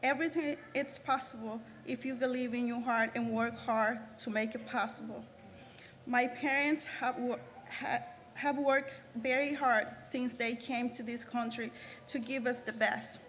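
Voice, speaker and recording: In a reverberant hall carrying faint noise, a Salvadoran woman in her 30s reads her prepared speech as the graduating student speaker. She sounds earnest, halting, and prone to restarts, with a voice on the high side, fairly even intonation, and a slightly bright quality.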